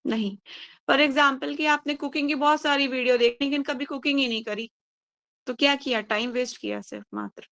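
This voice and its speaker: A woman with a fairly high voice leads a scripture class. She works through verses slowly, word by word, and then explains them briskly. The sound is dry and close, with no room echo. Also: fairly even intonation, fairly bright tone. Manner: slow halting recitation, then brisk explaining.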